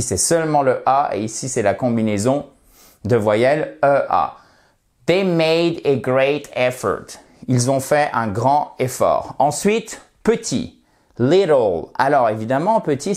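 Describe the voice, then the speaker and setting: A man's voice: mid-range voice, darkish tone. A man teaching English vocabulary in a video lesson. He explains at length and repeats sample phrases with emphatic stress.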